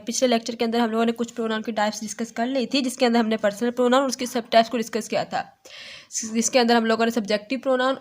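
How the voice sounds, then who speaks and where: A woman teaching an online grammar lecture to her students, speaking slowly and checking in often with "theek hai". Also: a little high. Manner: slow, explaining with frequent "theek hai" checks. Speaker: English teacher.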